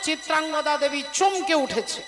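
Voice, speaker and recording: Lady kirtan singer telling a holy story, very high voice, big instrumental music behind. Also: normal speed, long reverb tail. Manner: dramatic, repetitive storytelling. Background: devotional instruments.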